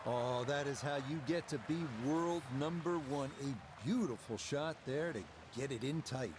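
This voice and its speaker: A man working as lead golf commentator in a video game, calling play in a measured broadcast manner. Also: fairly high pitch, noisy background, natural voice. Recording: music and crowd behind voice. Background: music, crowd.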